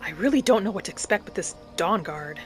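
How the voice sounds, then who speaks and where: Talking fast with lively intonation and a medium pitch, a woman provides dramatic, in-character commentary over gameplay as a roleplay narrator. Faint music plays in the background.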